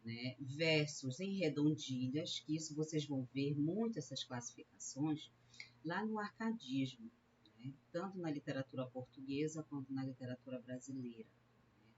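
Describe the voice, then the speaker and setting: Woman teacher from Brazil, low-pitched, methodical lecturing with frequent "né?" checks. Slightly dull recording. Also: a little mellow, slight background noise. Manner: explains step by step, often adds a questioning "né?"; sounds out syllables slowly when counting verse. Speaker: literature teacher.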